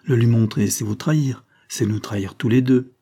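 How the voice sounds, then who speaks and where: A man voicing a troubled widow who speaks earnestly and hesitantly, without changing much from his own low voice. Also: normal speed, mellow, natural voice. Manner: earnest, hesitant, emotional delivery.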